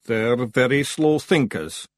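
A man voicing a plain-spoken, grumbling big Feegle with a Scottish accent in an audiobook, slow and blunt. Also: mid-range voice, lively intonation, no room sound, clean studio sound, pitched above the performer's own voice. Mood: doubtful.

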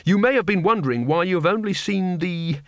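A man's voice: high-pitched, expressive, fairly quick, fairly bright tone, dry recording, voice pushed up. A man voicing a nervous male wizard who talks hesitantly, as if working it out aloud.

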